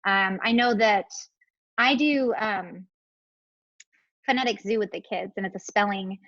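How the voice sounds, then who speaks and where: A woman's voice: mid-range voice, a little slow, no echo. A woman pastor hosting a casual panel discussion, explaining things in a chatty way with many fillers. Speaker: pastor and host. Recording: dull lo-fi, dry sound.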